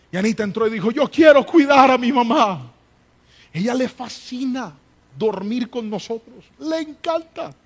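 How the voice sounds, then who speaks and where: High-voiced emphatic preacher. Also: male voice. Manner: emphatic, repeats refrains and calls on the congregation. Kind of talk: live sermon. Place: church.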